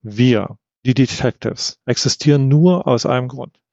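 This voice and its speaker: A man reading an audiobook, voicing a gruff, grumbling male detective who lectures solemnly. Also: medium pitch, a little slow, mellow, no room sound. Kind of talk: audiobook character voice. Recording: dull, slightly lo-fi.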